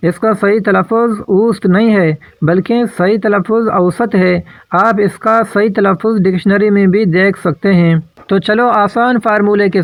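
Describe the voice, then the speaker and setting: A man's voice: high-pitched, no echo. A man explaining a simple math method step by step in a patient lesson, working through examples. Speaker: math teacher.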